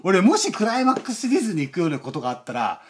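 A man's voice: sits high, very animated, rapid-fire. A man hosting a radio show, talking in a rambling, chatty way with lots of fillers and chuckles. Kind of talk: casual radio chat.

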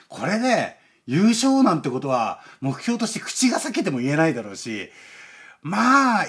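Husky chatty male radio host. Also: fairly high pitch, fairly bright tone. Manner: rambling, chatty, many fillers and chuckles. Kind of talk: casual radio chat.

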